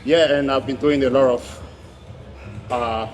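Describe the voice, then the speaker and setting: Gym bro man over loud music. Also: medium pitch, fairly even intonation, measured pace. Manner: gym bro talk, hype and slang. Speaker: professional bodybuilder. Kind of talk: casual gym chat. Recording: music playing behind.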